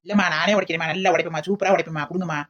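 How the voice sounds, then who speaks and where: A woman's voice: lowish voice, steady tone, racing, dull audio, noisy background. A woman playing a brash, boastful guest in a comic skit. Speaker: guest relative.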